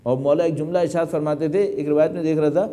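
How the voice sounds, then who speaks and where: Middle-aged guy preaching, kinda high voice but warm, keeps asking rhetorical questions. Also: fairly even intonation. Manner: emphatic, full of rhetorical questions. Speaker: cleric delivering a majlis. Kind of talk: sermon.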